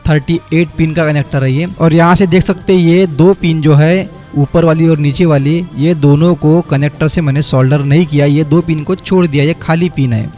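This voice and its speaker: Over quiet background music, a man explains a phone repair step by step, addressing viewers like friends. He's a technician with a slightly high, steady voice, talking at a moderate pace with few pauses.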